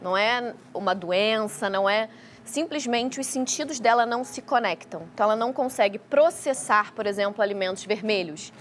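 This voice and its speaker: A talk show guest from Rio de Janeiro, Brazil, speaks with a Carioca accent as she explains things in her role as a child feeding specialist. Her Brazilian Portuguese comes at a slightly quick pace in a mid-range voice, with slight background noise.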